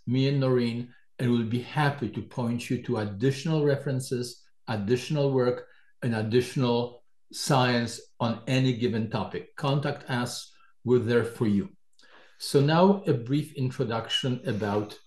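An older man from Poland, a professor giving a measured university lecture introduction with dry asides, in a large lecture hall. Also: medium pitch, a little mellow. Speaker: professor co-leading a lecture series.

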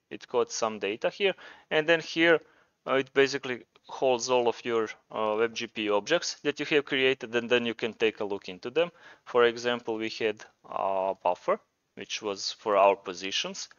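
Thinking out loud as he demonstrates code, a Croatian-accented man gives an informal screencast tutorial. His voice is medium-pitched, smooth, and a bit bright, captured in a dry, lo-fi recording.

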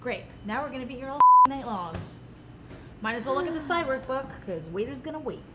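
A woman's voice: high voice, animated, brisk. A woman playing a weary, sarcastic waitress with a dry delivery. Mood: wry. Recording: loud background noise.

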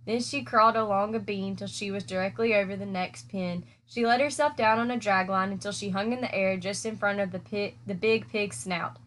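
A woman teacher reading a children's novel aloud with clear, expressive storytelling. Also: mid-range voice, brisk, few pauses, a little hiss or hum.

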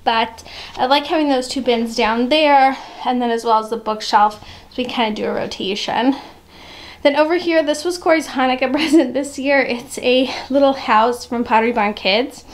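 A woman's voice: sits high, normal speed. A woman in her thirties giving a chatty, upbeat home tour, often laughing as she talks. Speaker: mom vlogger. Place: house rooms indoors.

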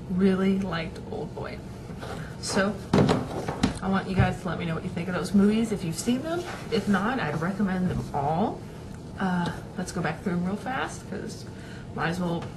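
A young adult woman vlogs casually into the webcam on her desk in a small room at home. Her voice sits on the low side, and she rambles chattily with many fillers and restarts over a noisy background.

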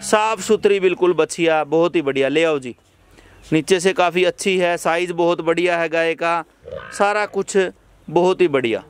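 Host: man, fairly high smooth voice, outdoor farm walkthrough, repeats answers for viewers. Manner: brisk, repeats each answer back to viewers. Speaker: channel host touring a dairy farm. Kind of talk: on-site walkthrough interview. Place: outdoor buffalo farmyard.

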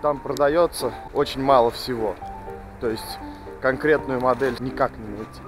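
Male video reviewer, middle pitch, tongue-in-cheek, clear music behind. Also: fairly even intonation, normal speed.

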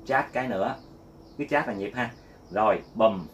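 A man giving a casual guitar lesson, talking in a chatty, repetitive way and counting strum patterns out loud. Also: fairly low pitch, normal speed. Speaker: guitar teacher. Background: loud guitar playing.

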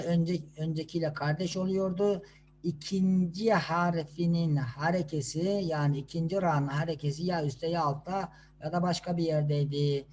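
A man teaching children to read Quranic letters, sounding out syllables slowly and patiently and answering his own questions. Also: on the high side, darkish tone, slight background noise. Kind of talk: slow classroom instruction.

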